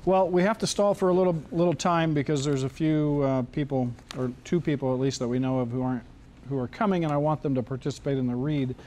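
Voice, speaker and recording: A man's voice: on the high side, fairly even intonation, fast, warm tone, a little hiss or hum. A man teaching a screenwriting class in a loose, joking way, often restarting his sentences. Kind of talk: casual classroom talk.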